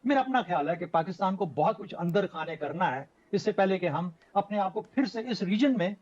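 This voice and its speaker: Man, measured TV panel talk, high voice, muffled lo-fi broadcast. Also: expressive, a little mellow.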